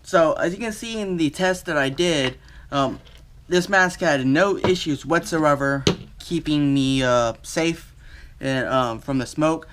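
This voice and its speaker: A man giving a casual, unscripted product review in a halting, think-aloud way. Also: a little high, fairly bright tone, a little hiss or hum.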